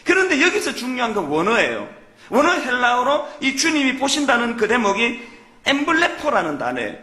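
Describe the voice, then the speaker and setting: A man delivers a sermon from the pulpit. His voice sits high and swings widely in pitch, earnest and emphatic. The sound carries the echo of a church hall. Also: huge pitch swings, fairly quick, sharp tone. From Gyeongsang, South Korea. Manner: earnest, emphatic preaching with rhetorical questions. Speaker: pastor. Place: church sanctuary.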